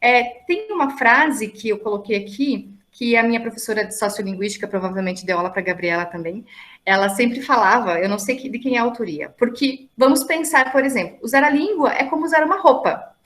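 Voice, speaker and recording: A woman's voice: a little high, a little fast, fairly bright tone. A woman teacher explaining a lesson over a video call, chatty and full of tag questions and fillers. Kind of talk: online class explanation.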